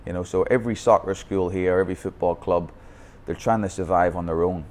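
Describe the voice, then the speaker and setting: Fairly quick and deep, with a darkish tone and fairly even intonation, a Northern Irish man tells a podcast interviewer about his coaching path. He founded a youth football academy in Bangkok and speaks candidly, often backing up to restart.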